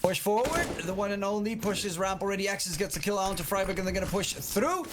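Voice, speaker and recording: A man giving excitable live play-by-play esports commentary on a shooter match, building in intensity at key moments. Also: sits high, fairly quick. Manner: excitable, rising to shouts at key plays. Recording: clear background noise, clicks.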